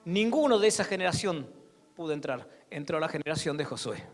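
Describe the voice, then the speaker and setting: A man from Argentina with a Rioplatense accent, preaching a sermon as pastor and building to loud exhortation. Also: fairly high pitch, expressive, brisk. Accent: Rioplatense Spanish. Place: church hall. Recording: long church hall reverb, faint music.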